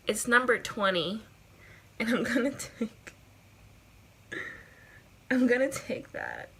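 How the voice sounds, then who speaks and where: A woman's voice: medium pitch, fairly bright tone. Here is a woman giving a casual makeup tutorial while giggly drunk. She rambles and repeats herself in a mid-range voice, with some light noise behind her. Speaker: beauty vlogger.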